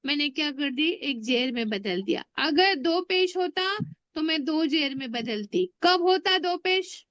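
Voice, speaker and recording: A woman's voice: sits high, lively intonation, measured pace, a bit bright, no room sound, muffled recording. A woman teaching Arabic grammar in an online class, patiently drilling words and asking her students questions. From India. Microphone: online class audio.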